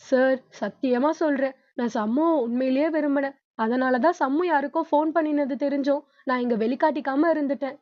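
A woman's voice: high voice, fairly quick, no room sound, natural voice. A woman reading the part of a young man who begs and pleads tearfully for forgiveness, on a dull lo-fi recording. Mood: pleading. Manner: begging, tearful pleas. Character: young man, pleading remorseful captured lover.

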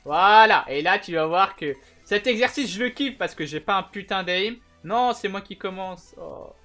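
A young man hosting a gaming channel, giving a casual gameplay tutorial in a slangy, chatty way with bursts of excited shouting. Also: sits high, moderate pace, faint music behind.

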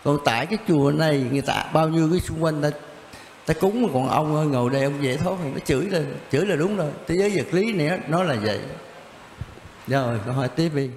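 A man's voice: a little high, fast talker, darkish tone. Older man, blunt and chuckling. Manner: blunt, chuckling, repeats himself. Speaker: Zen teacher answering questions. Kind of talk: casual spoken teaching, question and answer. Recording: reverberant room, faint background noise.

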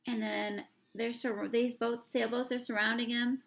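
Indoors in a small room, a young woman reads a children's picture book aloud with a raised pitch and noticeable fry. Her delivery is expressive, stretching out words and asking the listeners questions.

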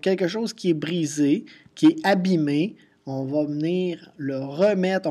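A man's voice: fairly high pitch, darkish tone, breathy edge. A middle-aged man with a Quebec French accent, teaching a recorded class lesson, explaining patiently with repetition and casual asides. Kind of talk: recorded class lesson walking through slides.

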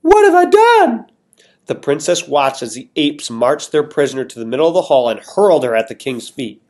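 A male teacher reading a novel aloud to his students, expressive and stopping now and then to explain words. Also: mid-range voice, brisk.

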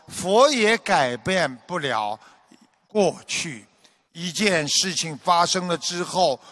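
A man with a notably high voice delivers a Buddhist sermon at an unhurried pace. His tone is measured and instructive, and he turns lively when he tells a joke. The sound is dry and close, with little room tone. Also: no room sound. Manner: measured preaching, animated when telling a joke. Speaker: Buddhist teacher. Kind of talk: dharma talk sermon.

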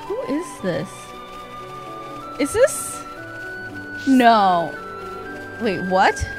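A young woman commentates casually as she plays a video game. Her voice is a bit high and her delivery is playful and sarcastic. Faint game music runs underneath. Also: wildly swooping pitch, extremely slow. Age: young adult. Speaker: gaming streamer. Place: small room indoors with shelves.

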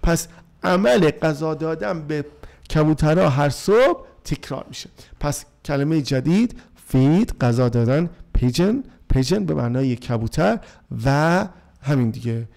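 A man with a Persian accent, a Persian-speaking teacher explaining English vocabulary to students. He reads English sentences slowly and then translates them. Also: fairly high pitch, expressive, creaky, darkish tone. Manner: addresses the class as kids.

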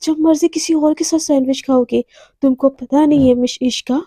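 Tough jealous young woman, voiced by a woman narrator, accusing, intense, mellow, storybook romance. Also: sits high, fairly even intonation, normal speed, no room sound, clean studio sound, natural voice.

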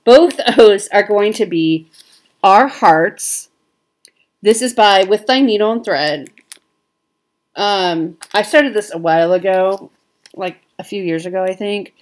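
In a slow, medium-pitched voice, a Midwestern American woman talks casually about her cross-stitch as a vlogger doing show-and-tell. Her chat is sprinkled with lots of ums.

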